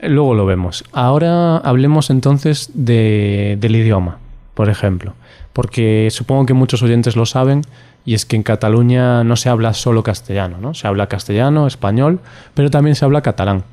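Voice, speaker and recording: A man's voice: mid-range voice, normal speed, mellow. A man co-hosting a casual podcast, joking and laughing often. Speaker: podcast co-host.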